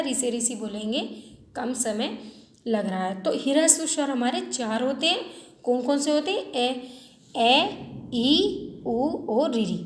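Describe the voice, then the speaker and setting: Woman teacher, high voice, roomy echo, patient question-and-answer explaining, drawn-out vowel examples. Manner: repeats questions and answers them, stretches vowels to demonstrate. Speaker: Hindi teacher. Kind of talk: classroom lesson on Hindi vowels. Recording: echoey room with faint noise.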